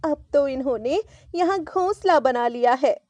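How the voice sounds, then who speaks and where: A woman's voice: sits high, expressive, a little slow, warm tone, no room sound, voice pushed up. A woman voicing an amused mother in a children's story who teases her husband mockingly. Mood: teasing. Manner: mocking, teasing. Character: teasing, amused mother laughing at father.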